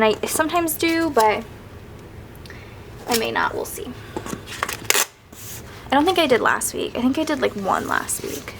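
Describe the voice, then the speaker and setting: A young planner vlogger with a higher-pitched voice chats casually and rambles a bit while working on her planner. She sounds sniffly from crying, and there's background noise in this craft vlog.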